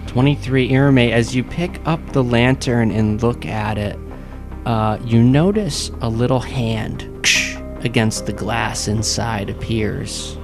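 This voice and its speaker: A man runs a tabletop fantasy game as its narrator. His pitch is average, and faint music plays behind his improvised descriptions. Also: slow. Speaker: game master.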